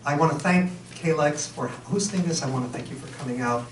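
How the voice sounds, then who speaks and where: A man's voice: fairly high pitch, brisk, a little hiss or hum. A middle-aged man giving an earnest candidate speech at a community forum, with frequent fillers and restarts. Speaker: candidate for town office. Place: community meeting room. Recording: roomy hall, mic far off.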